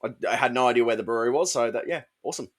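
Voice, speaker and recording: An Australian man co-hosting a casual beer podcast, talking in a measured way with many "um" fillers. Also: mid-range voice. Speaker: podcast co-host.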